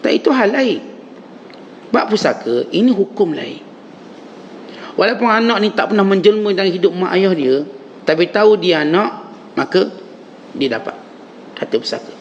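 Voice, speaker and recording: A man with a Malaysian Malay accent giving a dawn mosque lecture, telling stories in plain everyday speech and acting out the people in them in a higher voice. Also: vocal fry, lo-fi sound, a little hiss or hum. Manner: colloquial storytelling, acts out quoted people in a higher voice. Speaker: religious teacher.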